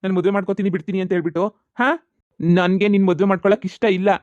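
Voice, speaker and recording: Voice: mid-range voice, steady tone, quick pace, no echo, lo-fi sound, lightly acted. A voice actor playing an exasperated man who refuses a marriage, in a cartoon comedy. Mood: irritated scolding.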